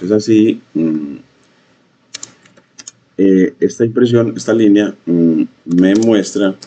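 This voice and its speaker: A man teaching a coding lesson, talking in a halting way with many fillers and repeated phrases. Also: low-pitched, dark tone. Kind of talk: screen-share coding lesson. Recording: dull lo-fi mic.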